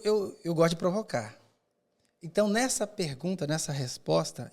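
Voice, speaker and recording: A man's voice: a little high, gravelly, darkish tone. A man who mentors public speaking, answering in a podcast interview with emphatic, rhetorical delivery and repeated words for effect.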